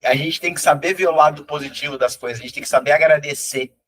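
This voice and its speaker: Middle-aged southern brazilian guy, high voice, folksy motivational storytelling. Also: quick pace, fairly bright tone. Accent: southern Brazilian (gaúcho). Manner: folksy, acts out characters in anecdotes. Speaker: teacher and motivational speaker.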